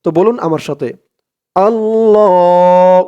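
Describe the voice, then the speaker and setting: A man teaching a prayer phrase by phrase, chanting the words slowly and drawn out between plain spoken explanations. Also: on the high side, darkish tone, lo-fi sound. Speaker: Arabic teacher.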